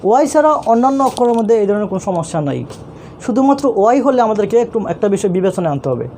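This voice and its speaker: A male teacher with a Bangladeshi Bengali accent explains grammar rules in a mellow, warm voice. He keeps asking questions and answering them himself, patient and repetitive. Faint traffic noise hums in the background. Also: sits high, very animated, very fast. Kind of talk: online classroom lesson.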